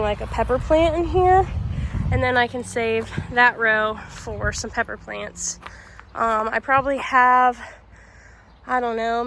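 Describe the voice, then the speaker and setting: A high-voiced young woman chats out in her garden, walking through what she's doing in a loose, rambling way full of ums. She's recorded on a camera mic outdoors with faint noise in the background. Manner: chatty, rambling, with many ums and sos. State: out of breath and sweaty. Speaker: vlogger. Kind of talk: casual garden vlog.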